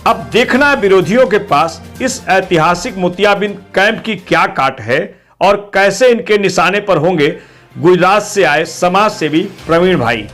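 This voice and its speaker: A man narrates a local news report with punchy, rhetorical emphasis. His voice is high for a man. Faint background music plays. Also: expressive, moderate pace, fairly bright tone.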